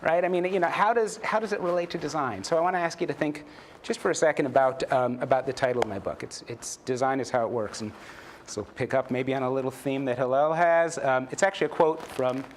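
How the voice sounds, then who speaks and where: A man's voice: mid-range voice, fast talker, a little hiss or hum. A man, a journalist and author, giving a casual conference talk on a stage, chatty and self-deprecating, with many fillers and restarts. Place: conference stage before an audience.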